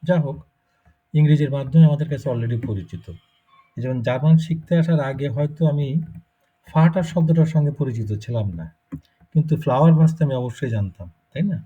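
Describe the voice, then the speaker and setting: Husky, fairly high in pitch and a little fast, a man with a Bangladeshi Bengali accent explains German pronunciation step by step in a live class while checking in with students. The recording is lo-fi and muffled.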